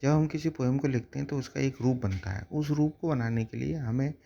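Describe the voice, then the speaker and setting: A man's voice: medium pitch, brisk, vocal fry, mellow, highs cut off, slight background noise. A man teaching a lecture on poetic devices, methodically listing terms one by one.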